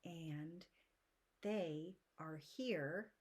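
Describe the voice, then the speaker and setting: A woman teaching an art lesson in a slow, soothing manner, drawing out her words and often dropping into soft breathy whispers. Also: low-pitched. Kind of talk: slow, calm lesson talk to children.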